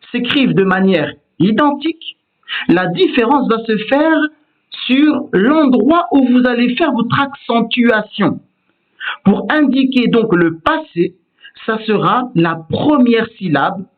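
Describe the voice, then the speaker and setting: A man's voice: extremely high pitch, lively intonation, takes it slowly. A man giving a patient, explanatory lesson on Hebrew word stress, demonstrating each pronunciation himself. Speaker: Hebrew teacher. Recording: tinny phone-like sound.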